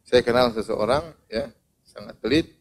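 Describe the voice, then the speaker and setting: Over a faint hiss or hum, a preacher with a mid-range voice and moderate pace delivers an Islamic sermon. He's animated and funny, telling stories and performing the quoted voices of their characters.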